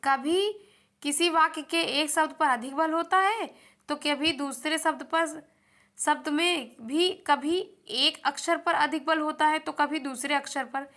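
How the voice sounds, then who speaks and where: A young woman with a high, bright voice teaches an exam-prep lesson. She often puts a question to the viewer and answers it herself, keeping a steady teaching rhythm. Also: unhurried. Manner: repeats questions back to the viewer, calls them friends.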